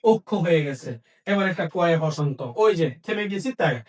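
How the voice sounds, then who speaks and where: Guy teaching grammar, keeps repeating stuff, high pitched, mic kinda far off. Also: expressive. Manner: asks questions and answers them himself; repeats key points slowly for emphasis. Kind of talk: Bengali grammar lesson.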